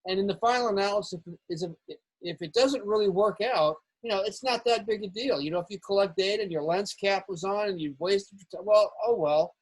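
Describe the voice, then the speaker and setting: A man's voice: high voice, a little fast, rough recording. A man talking casually on a video call that breaks up, rambling and restarting his words as a club board member. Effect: on a video call, audio breaking up. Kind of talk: casual chat on a live club session.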